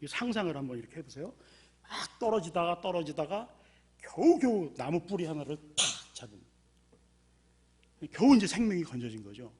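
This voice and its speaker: Husky-voiced Korean pastor preaching. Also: male voice, a little high, big pitch swings, moderate pace, darkish tone. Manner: acts out characters' cries in a raised voice. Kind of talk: sermon with illustrative stories. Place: church sanctuary.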